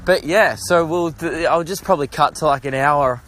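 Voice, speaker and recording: Out walking beside traffic on suburban roads, an Australian man records his podcast breathlessly, in a casual vlog-style ramble full of self-mocking jokes. His pitch is fairly high and a bit bright, his pace moderate, with slight background noise.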